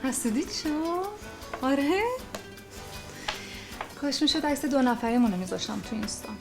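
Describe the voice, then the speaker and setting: A woman's voice: high voice, lively intonation, music in the background. An actress playing a playful, affectionate woman teasing her lover in a film drama. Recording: film score under dialogue.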